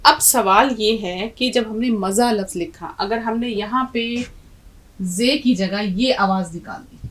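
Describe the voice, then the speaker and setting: A woman's voice: medium pitch, poor audio. A middle-aged woman teaching a language lesson, patiently explaining letters and quizzing her students. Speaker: Urdu teacher.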